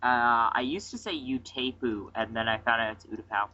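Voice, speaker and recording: A man co-hosting a relaxed podcast, his voice bright and sharp in tone. He talks excitedly and often cuts in to correct his friend. The recording is dull and lo-fi. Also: medium pitch, clean tone. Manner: excitable, quick to interrupt and correct. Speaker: podcast co-host. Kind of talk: casual chat about toy sets.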